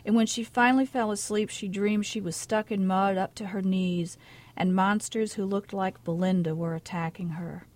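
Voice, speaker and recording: A woman author giving a measured, quiet literary reading of her own short story in a radio studio. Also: medium pitch.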